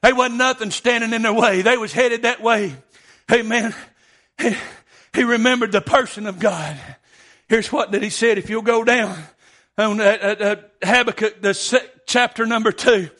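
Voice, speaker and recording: A man preaching a sermon, stammering and filling his pauses with "uh" and "amen". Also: high voice, fairly even intonation, bright, forceful tone. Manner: stammering, punctuated by frequent amens.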